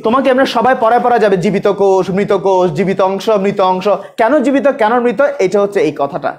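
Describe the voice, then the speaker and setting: Male teacher with a high voice and a Bangladeshi Bengali accent, running a drill-style exam-prep class. He asks question after question. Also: animated, darkish tone. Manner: asks students questions and answers them himself, drilling; repeats terms slowly for students to pronounce.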